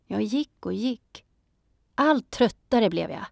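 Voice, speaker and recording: Calm woman reading a children's story. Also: mid-range voice, vocal fry, no echo, studio quality. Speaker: narrator. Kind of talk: children's audiobook narration.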